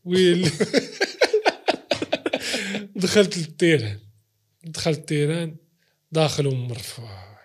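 A man's voice: fairly high pitch, lively intonation, a little slow, long pauses. A man with a Moroccan Arabic accent telling personal stories casually as an interview guest, acting out the dialogue he quotes. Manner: acts out quoted dialogue, swears oaths for emphasis. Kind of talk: casual, animated personal storytelling.

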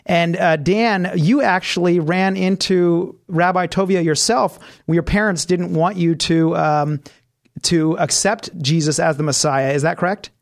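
Man, radio host, interview, friendly questions, higher voice, dry sound. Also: fairly even intonation, measured pace, creaky, dry recording.

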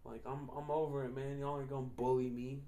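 A man's voice: mid-range voice, level tone, fairly quick, dark tone. A young man hosting a podcast, rambling in a slangy, profane casual monologue full of "like". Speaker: podcast host.

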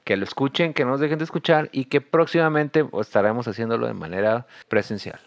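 Frank Mexican co-host, thirties, middle pitch, dry recording. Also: male voice, fairly even intonation, fairly quick, creaky, dry recording. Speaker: podcast co-host. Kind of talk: casual chat. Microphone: remote call.

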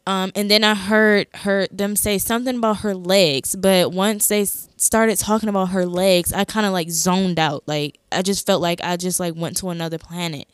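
A woman's voice: mid-range voice, steady tone, moderate pace, hardly any pauses, clean tone, dry recording, clean studio sound. A young woman hosting a podcast, telling a personal story in a casual, chatty way with lots of fillers. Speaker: podcast host. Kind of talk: casual chat.

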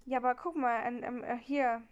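A woman chatting casually and playfully as she answers a quick word quiz. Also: a little high, steady tone, dull audio. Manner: playful, quick to laugh and ask "what?". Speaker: quiz participant. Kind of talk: casual chat. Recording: call audio, hard to hear.

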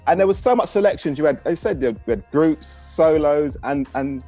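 Gravelly, animated male podcast host. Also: fairly high pitch, moderate pace, faint music behind. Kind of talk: casual nostalgic music chat.

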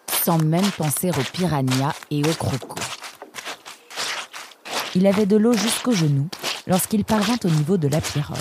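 A woman narrating a children's adventure story, with a voice that sits a little low. She reads calmly and evenly, letting each sentence settle before the next. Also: slight background noise. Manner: calm, measured storytelling.

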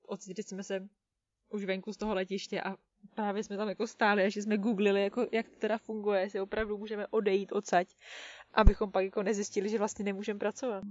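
A woman hosting a casual podcast interview, talking in a relaxed, conversational way. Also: mid-range voice, no room sound, highs cut off. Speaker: host.

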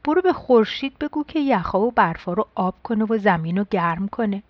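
A woman's voice: mid-range voice, lively intonation, dry recording, highs cut off, natural voice. A woman voicing a grumpy tree root that shrugs off a request.

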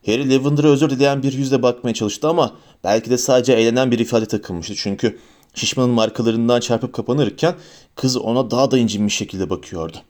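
A man narrating a fantasy novel aloud in a steady storytelling manner. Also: mid-range voice, brisk. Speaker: audiobook narrator. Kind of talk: audiobook narration.

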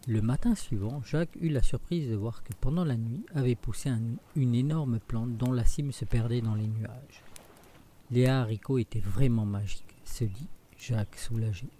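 A man narrating a fairy tale in a steady, even reading. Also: mid-range voice, moderate pace, slight background noise. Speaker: storyteller. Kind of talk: scripted storybook narration.

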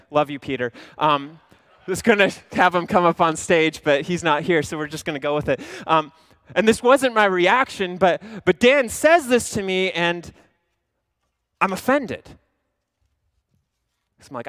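A young man, a lead pastor, preaching an animated sermon and acting out his own thoughts, dropping to mutters and rising to loud outbursts. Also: on the high side, dry recording.

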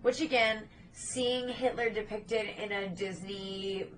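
A woman co-hosting a podcast, recapping a movie in excited casual chat, swearing freely and acting out lines. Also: mid-range voice, slow pace, soft background music. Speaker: podcast co-host.

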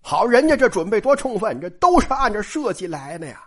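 A woman's voice: mid-range voice, sing-song, fairly quick, breathy edge. A woman telling a classic novel in a chatty, colloquial storytelling style, often addressing listeners directly.

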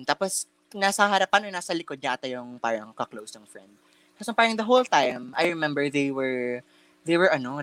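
Lively young man chatting in Taglish. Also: medium pitch, no echo. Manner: chatty Taglish storytelling with many fillers and restarts; campy slang exclamations. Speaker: podcast co-host. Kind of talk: casual chat.

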